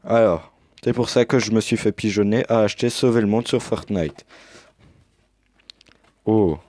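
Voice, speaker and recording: A man's voice: lowish voice, a little slow, warm tone, dry recording, studio quality. A young man casually commenting as he unboxes a game edition, hesitant with many fillers, recorded on a headset mic. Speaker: unboxing youtuber.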